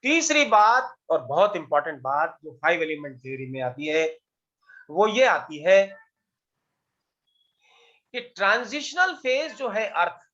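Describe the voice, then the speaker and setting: A fairly high-voiced man leads an online class, firing quick questions at his students as he explains. The sound is dull and lo-fi, like audio from a video call. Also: big pitch swings, pushed and bright. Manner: quizzing students with quick questions, mixing Hindi and English. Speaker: acupuncture teacher.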